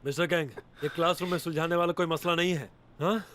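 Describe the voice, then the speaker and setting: A man's voice: fairly high pitch, steady tone, quick pace, noisy background, close to an everyday voice. An actor dubbing an exasperated male teacher who scolds a troublesome student. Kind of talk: Hindi dub of a TV drama.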